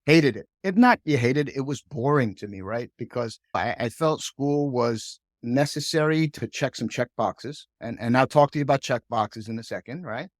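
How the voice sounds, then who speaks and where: A man's voice: medium pitch, moderate pace, hardly any pauses, no echo, clean studio sound. A middle-aged man from Hong Kong, a podcast guest, telling his career story in a chatty way and tagging many sentences with "right?". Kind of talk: casual storytelling.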